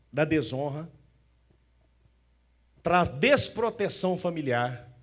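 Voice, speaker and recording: A man preaching a sermon as pastor in a church, animated, often acting out the voices of the people he describes. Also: fairly high pitch.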